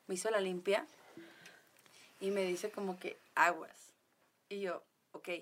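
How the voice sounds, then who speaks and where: A woman's voice: medium pitch, fairly even intonation, measured pace, a bit bright, slight background noise. A woman with a Mexican accent, a podcast guest telling a personal story in a casual, chatty way, full of fillers and quoted dialogue.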